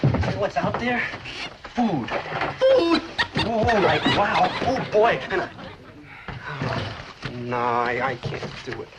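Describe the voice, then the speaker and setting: Excitable hungry beatnik, swooping voice. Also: male voice, a little high, slow, very noisy. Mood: gloomy dreaming. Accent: American. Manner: beatnik slang, dramatic self-talk, exclamatory. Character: hungry, childish young beatnik man, cowardly but good-hearted. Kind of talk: 1960s American sitcom acting. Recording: old TV soundtrack with music behind.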